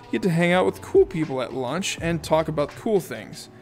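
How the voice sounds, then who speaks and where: A man's voice: on the high side, animated, normal speed, darkish tone, soft background music. Man casually reading an audiobook aloud. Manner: casual reading with asides and self-corrections. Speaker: audiobook reader. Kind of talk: amateur audiobook narration.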